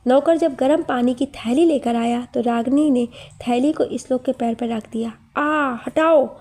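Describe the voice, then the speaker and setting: A woman tells a household story in a high voice. Her tone is soft and mellow rather than bright, and she reads the dialogue with lively drama. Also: moderate pace. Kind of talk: narrating a Hindi family story, voicing all characters.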